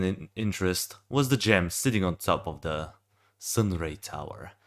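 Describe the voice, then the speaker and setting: A man's voice: low-pitched, fairly bright tone. A young man who just woke up reads a fan-made game backstory aloud, stumbling and restarting often. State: just woken up. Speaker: game fan reviewing a hero design.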